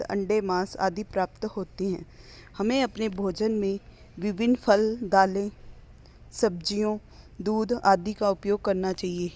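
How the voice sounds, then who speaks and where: A woman's voice: medium pitch, darkish tone. Woman reading a school lesson aloud. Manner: slow, clear classroom reading with list-like pauses. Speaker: teacher.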